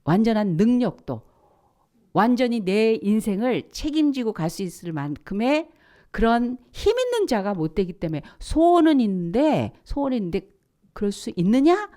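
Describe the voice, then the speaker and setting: A woman pastor preaching at a church service. She asks rhetorical questions, repeats her key points, and drops now and then to a hushed, breathy whisper. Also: on the high side, big pitch swings, normal speed. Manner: rhetorical questions and emphatic repetition. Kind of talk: sermon.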